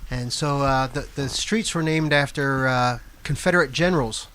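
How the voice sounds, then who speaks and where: A man's voice: medium pitch, moderate pace, a bit bright. A man from a rock band telling stories in a casual interview, repeating words as he goes and chuckling. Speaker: band member.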